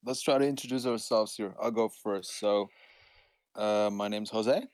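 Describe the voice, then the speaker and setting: A man's voice: lowish voice, steady tone, moderate pace, darkish tone, dry recording. A nineteen-year-old man from Costa Rica co-hosting a casual podcast, rambling and swearing freely. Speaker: podcast co-host. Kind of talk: casual chat.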